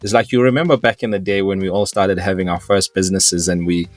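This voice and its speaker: A man's voice: deep voice, fairly even intonation, fast talker, no echo. A man hosting a business podcast, asking long, rambling questions with many restarts. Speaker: podcast host. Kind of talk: casual interview talk.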